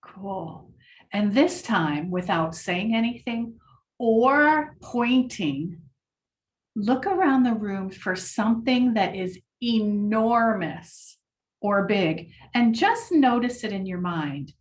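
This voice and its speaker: A woman leading a children's mindfulness lesson, speaking gently and encouragingly to the class. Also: medium pitch, animated, slow, far from the mic.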